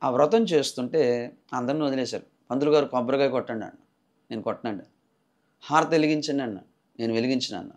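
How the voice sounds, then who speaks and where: A middle-aged man telling his personal religious testimony, swinging between loud, impassioned outbursts and low, hushed passages. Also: fast, long pauses. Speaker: preacher giving testimony. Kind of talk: emotional spoken testimony.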